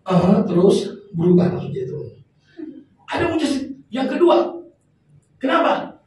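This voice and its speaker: A man preaching a lively sermon, his voice sitting very high as he swings from ringing shouts to near-whispers. He is caught from across a church hall, with a big echo around every word and a faint hiss underneath. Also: normal speed. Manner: animated preacher, swings from loud shouts to hushed tones. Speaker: pastor. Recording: echoey church hall from far off, faint noise.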